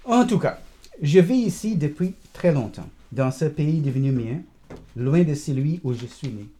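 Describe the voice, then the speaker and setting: A man's voice: a little high, expressive, moderate pace, natural voice. A man voicing a rambling old grandfather. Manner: meandering, digressive, gently teasing. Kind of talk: first-person audiobook narration.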